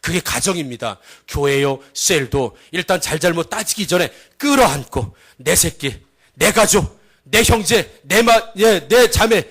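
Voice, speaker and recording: Man, pastor, sermon, high voice, dramatic loud and soft swings. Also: expressive, unhurried, breathy edge. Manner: swings between loud emphatic lines and low quiet asides; acts out story voices with a raised pitch.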